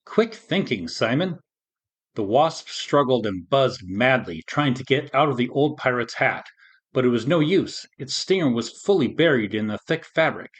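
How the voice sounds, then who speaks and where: A man reading a children's story aloud as the narrator, in a calm, even storytelling manner. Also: medium pitch, moderate pace, husky.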